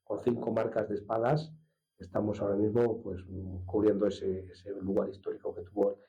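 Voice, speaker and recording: A master swordsmith from La Mancha, Spain, is a guest in a conversational interview, explaining his craft at an unhurried pace with hesitations and restarts. His voice is mellow, fairly low, and level in tone, and the recording sounds dull and lo-fi.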